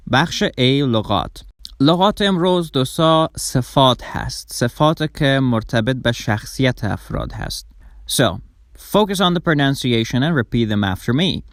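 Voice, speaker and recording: Male language teacher, animated pitch, dry close sound, slow careful word drills. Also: no echo. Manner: slow, drawn-out model pronunciation, brisker Persian explanations. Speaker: English teacher. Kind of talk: language lesson with slow repetition.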